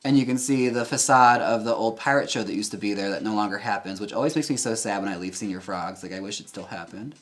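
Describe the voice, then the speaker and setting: A young man chatting casually with viewers while getting ready, campy and quick to laugh. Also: on the low side. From United States. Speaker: drag performer and channel host. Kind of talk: casual chat while reading viewer comments.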